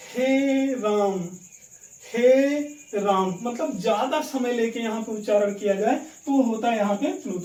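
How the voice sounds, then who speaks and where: A Hindi grammar teacher with a mellow, warm tone drills each point again and again, firing quick quiz questions back at the viewers. The voice sits back from the mic in an echoey room. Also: medium pitch, distant mic. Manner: keeps calling the viewers friends. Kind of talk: online grammar lesson.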